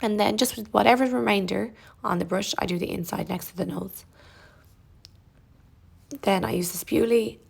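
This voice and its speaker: Gravelly-voiced young woman narrating makeup. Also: mid-range voice, moderate pace, long pauses. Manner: chatty and relaxed, self-deprecating asides. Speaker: makeup tutorial host. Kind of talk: casual narrated tutorial.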